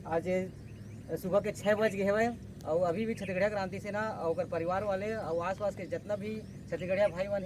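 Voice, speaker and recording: At an outdoor protest, a high-pitched male organizer with a Chhattisgarhi accent makes announcements over background noise. In a rallying tone, he calls on supporters to come and join the sit-in.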